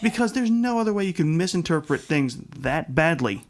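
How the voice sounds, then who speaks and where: A man's voice: a little high, lively intonation, brisk. A man co-hosting a casual podcast, reviewing a film bluntly and sarcastically. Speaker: podcast co-host. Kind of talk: casual movie review chat.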